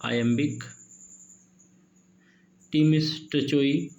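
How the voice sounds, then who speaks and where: A man teaching an exam-prep literature lesson, mixing Hindi and English, reading questions out slowly and adding "okay" and "friends" often. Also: a little high, fairly even intonation, darkish tone, muffled recording. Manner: reads questions slowly, peppers with "ठीक है" and "दोस्तों".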